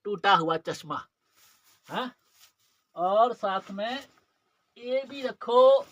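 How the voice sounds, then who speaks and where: A man delivers a dramatic monologue as a menacing, cocky police inspector, drawling and mocking in a rustic eastern Hindi-belt accent and tossing out rhetorical questions. His high, pushed, bright voice is exaggerated, and there is no echo. The mood is mocking and boastful.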